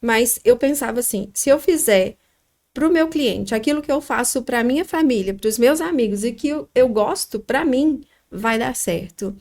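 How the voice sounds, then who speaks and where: A middle-aged woman with a Minas Gerais accent, telling her story as a podcast guest, reflective and pausing often with fillers. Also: a little high, expressive, a little mellow. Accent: Minas Gerais Brazilian Portuguese. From Minas Gerais, Brazil. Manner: reflective, pauses with frequent fillers. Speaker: guest, restaurant founder.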